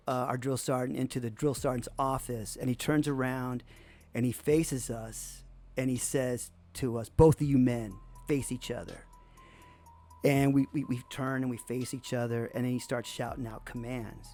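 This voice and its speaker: Man telling a personal story. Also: mid-range voice. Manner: conversational, with frequent "man" and "you know" fillers.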